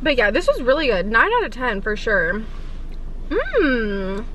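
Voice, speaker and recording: Woman eating in her car, chewing while she talks, high bright voice, rambly and casual, faint road noise. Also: huge pitch swings, unhurried. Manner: chatty, rambling, lots of fillers. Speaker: mukbang vlogger. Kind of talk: casual chat to camera. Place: inside a parked car.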